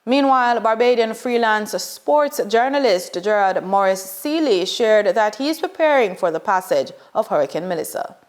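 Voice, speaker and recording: A woman anchoring a news bulletin, reading in a measured, scripted way. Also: medium pitch, expressive.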